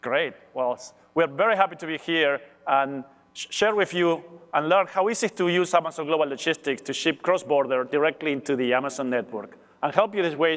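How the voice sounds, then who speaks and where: In a large conference hall with long, echoing reverb, an Argentine man presents as a logistics director. His voice sits on the high side with a fairly bright tone, and he stays upbeat despite small restarts, speaking with an Argentine Spanish accent.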